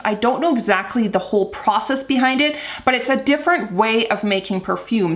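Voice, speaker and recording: A young adult woman with a fairly high, fairly bright voice chats casually at home while reviewing a perfume, relaxed and full of fillers. It's a laid-back product review vlog recorded in a room with a wood floor.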